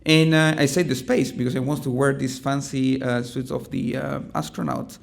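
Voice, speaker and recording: A middle-aged Chilean man with a Chilean Spanish accent gives a halting conference presentation, full of ums and restarts. His mid-range voice is creaky with fairly even intonation. He's speaking in a conference room.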